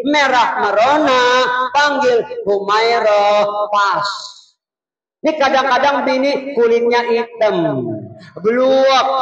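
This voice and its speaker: A male preacher giving a humorous, folksy Maulid sermon in a mosque. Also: extremely high pitch. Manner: joking, folksy, drawn-out religious phrases. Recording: echoey, dull, distant mosque PA.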